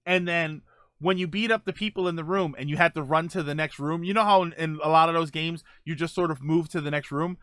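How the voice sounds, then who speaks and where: A man with a fairly high, fairly bright voice hosts a gaming show, talking a little fast in a steady tone as he responds to live viewer comments. The streamer chats casually and thinks aloud in a rambling way. The recording is dry.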